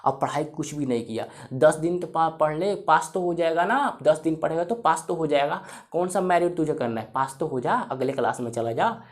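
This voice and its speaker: A man's voice: fairly high pitch, moderate pace, few pauses, close to an everyday voice. A worried, patient mother pleads with her lazy son again and again, going over the same coaxing words, as a man telling a story puts her on. The voice stays close to the storyteller's everyday speech.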